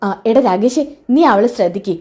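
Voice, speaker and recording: A woman's voice: mid-range voice, lively intonation, normal speed, warm tone, natural voice. A woman voicing an obsessive, insistent young husband who pines for another woman. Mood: irritated.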